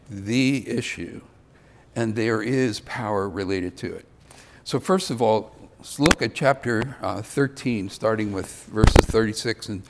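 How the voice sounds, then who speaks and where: An older man giving a conversational sermon, with self-deprecating asides. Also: on the low side. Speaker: preacher.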